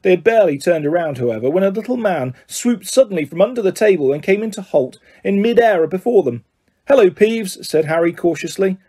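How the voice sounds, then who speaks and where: A man reading a children's novel aloud with lively, expressive narration. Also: high voice, fast, few pauses, husky. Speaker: reader.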